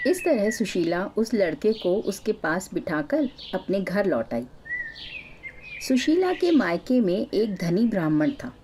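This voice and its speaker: Woman reading a story out, mellow warm tone, steady pace, faint birds chirping behind. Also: mid-range voice, unhurried, slight background noise. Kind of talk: storybook narration.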